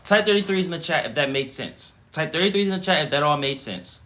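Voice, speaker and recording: Guy preaching on a livestream, kinda high voice, keeps repeating stuff and getting loud and emphatic. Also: animated, fast. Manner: repetitive, emphatic preaching with rising bursts. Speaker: spiritual teacher. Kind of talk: live-streamed spiritual teaching.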